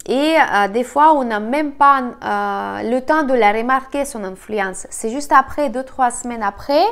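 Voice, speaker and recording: Fighting a slight cold, this woman delivers a monthly astrology forecast as a feng shui and BaZi consultant. Her fairly high voice is smooth and a bit bright, though her advice comes out haltingly, with plenty of fillers and corrections of herself.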